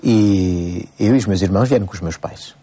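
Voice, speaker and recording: A Cape Verdean priest in his forties answering interview questions at an unhurried pace, with frequent hesitations and restarts. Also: deep voice, dark tone. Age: 40s. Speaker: priest, bishop-elect.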